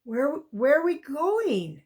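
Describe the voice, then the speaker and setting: A woman's voice: high voice, big pitch swings, slow pace, a little mellow, pitched above the performer's own voice, exaggerated voice. A woman voicing a dazed, scared older boy in a storybook reading, doubtful and protesting.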